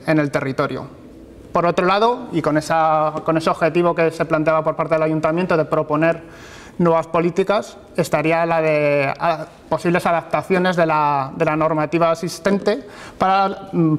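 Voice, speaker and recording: A man presenting a research project at an academic seminar, often repeating words as he searches for the next phrase. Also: a little high. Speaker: university lecturer presenting research. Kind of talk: academic conference talk. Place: lecture hall with projected slides.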